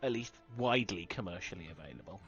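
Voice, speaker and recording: A man talks casually while streaming a game, his bright, forceful voice coming through a dull, muffled headset. He swears freely and often breaks off mid-sentence to read from the screen, with faint game music playing underneath. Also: low voice, expressive, fast. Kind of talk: casual live-stream chat.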